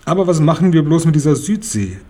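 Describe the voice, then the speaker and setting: A man's voice: a little high, sing-song, quick pace, dark tone, voice pushed up. A man voicing a dry, jovial pharmacist uncle in a storybook reading. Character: jovial middle-aged male pharmacist uncle.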